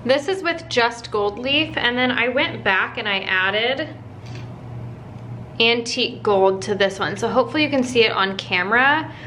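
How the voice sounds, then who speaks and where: A woman's voice: on the high side, animated, normal speed, music in the background. A woman chatting casually to camera as a home makeover vlogger, explaining her DIY steps in an informal way.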